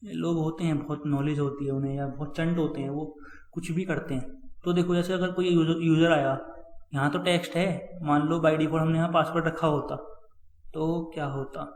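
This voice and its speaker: A man's voice: a little high, steady tone, normal speed, reverberant, rough recording. A man teaching web coding in a chatty screen-recorded lesson, talking straight to viewers and repeating key points. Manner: chatty, addresses viewers as guys and brother, repeats himself. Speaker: coding tutor.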